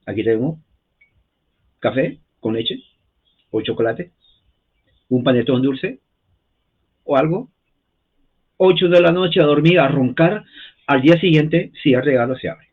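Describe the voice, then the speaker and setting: This history teacher, who lives in the United States, has a fairly high, expressive voice with a breathy edge, and he speaks a little slowly with long pauses. The sound is tinny and phone-like as he gives a chatty, informal lesson, often repeating points and checking on his listeners.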